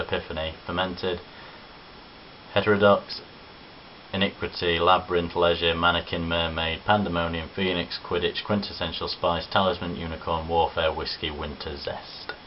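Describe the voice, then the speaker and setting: A young vlogger from Nottinghamshire, England, speaks in a very low voice with an English Midlands accent, rambling through a casual vlog full of self-deprecating asides. Filmed with a camera on a tripod, the audio is dull and lo-fi with a faint hiss beneath it.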